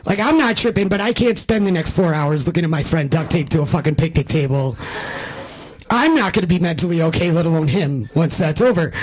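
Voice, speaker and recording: High-voiced man telling a profane story. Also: fairly quick, poor audio. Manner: profane, rambling, animated. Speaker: stand-up comic. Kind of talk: stand-up storytelling. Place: house comedy show with live audience.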